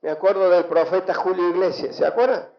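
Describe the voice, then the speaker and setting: A man's voice: high voice, fairly quick. A man with an Argentine Spanish accent, a pastor giving an emphatic sermon and calling for responses from the congregation. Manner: emphatic preaching with call-and-response. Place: church hall. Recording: echoey church hall, dull lo-fi sound.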